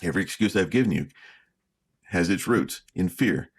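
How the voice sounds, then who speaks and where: A man with a fairly low voice that swings widely in pitch, talking straight to camera in a vlog. He encourages and teases by turns, driving points home by repeating them. The delivery is plain and conversational. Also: expressive, moderate pace, slightly rough. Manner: encouraging, repeats key phrases for emphasis; plainspoken, teasing rhetorical questions. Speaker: vlog host. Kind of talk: motivational talk to camera.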